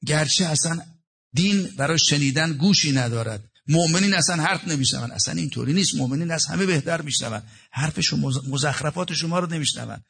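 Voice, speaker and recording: Gravelly-voiced man delivering a sermon. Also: a little high. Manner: explains Arabic verses in plain talk, shifting between hushed and raised delivery. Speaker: preacher. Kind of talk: religious sermon with Quranic recitation.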